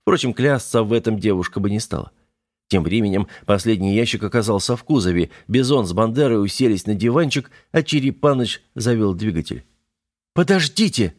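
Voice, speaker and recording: A man narrating an audiobook in an even, measured reading. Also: on the low side.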